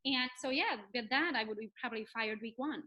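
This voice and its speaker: A woman's voice: fairly high pitch, a little fast, dull audio. A woman in her thirties from Romania, a realtor guest chatting casually and laughing often. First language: Hungarian. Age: 30s. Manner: lively, laughs often, speaks freely. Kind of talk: casual interview chat.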